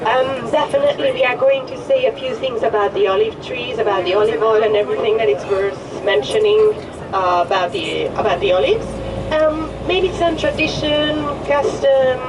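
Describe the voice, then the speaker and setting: A woman with a Hungarian accent, a tour guide giving chatty, joking commentary on a coach, her voice a little hoarse. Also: a little high, normal speed. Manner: friendly, chatty, joking with the group. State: slightly hoarse. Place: tour bus. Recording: distant voice with vehicle noise.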